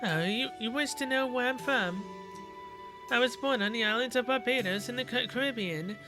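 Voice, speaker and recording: A man voicing a gentle, polite young woman servant who speaks softly and a little nervously. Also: very high voice, normal speed, over music. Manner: soft-spoken, courteous, slightly nervous.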